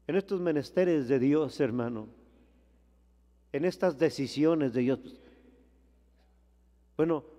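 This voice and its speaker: A man preaching a sermon, addressing the congregation as brothers, with rhetorical questions and drawn-out phrases that swell louder at the peaks. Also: fairly high pitch, in a large hall. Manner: preaching with repeated calls of "hermano" and rhetorical questions.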